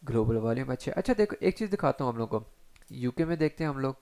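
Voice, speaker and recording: A man teaching SEO in a chatty screen-share tutorial, talking straight to viewers and filling pauses with short check-ins. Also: mid-range voice, lively intonation, a little mellow. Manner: chatty, addresses viewers directly with frequent fillers. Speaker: SEO instructor.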